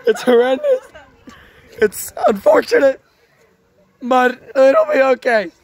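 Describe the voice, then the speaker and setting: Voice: high-pitched, wildly swooping pitch, takes it slowly, no room sound. A speaker hosting a casual comedy vlog in a hammy, mock-dramatic way. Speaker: show host and announcer.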